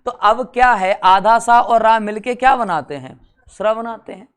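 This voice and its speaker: A man's voice: sits high, moderate pace, fairly bright tone, clean tone. A man from India giving a classroom lecture at a board, talking conversationally, checking that students follow and adding wry, teasing asides. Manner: conversational, addresses students directly, checks understanding. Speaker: teacher.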